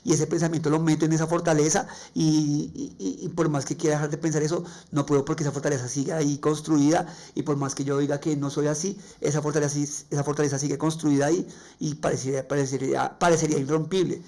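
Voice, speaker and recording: A man with a Colombian accent and a nasal, raspy voice, hosting a faith-based podcast monologue and sharing personal stories earnestly. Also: fairly high pitch, little pitch movement, fast, a little mellow. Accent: Colombian Spanish. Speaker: podcast host.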